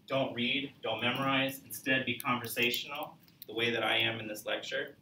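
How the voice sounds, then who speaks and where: A man's voice: mid-range voice, steady tone, moderate pace, bright, forceful tone, distant mic, a little hiss or hum. A man teaching a public speaking class, lecturing conversationally and asking students questions. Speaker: college speech instructor. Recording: echoey classroom recorded from afar.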